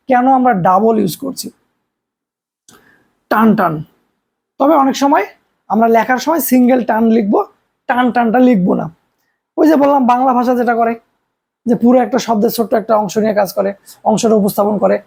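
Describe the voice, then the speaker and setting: A man's voice: very high-pitched, creaky, a little mellow, slightly rough. A young man from Bangladesh giving a recorded physics lecture, explaining step by step with everyday examples and rhetorical questions. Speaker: physics teacher.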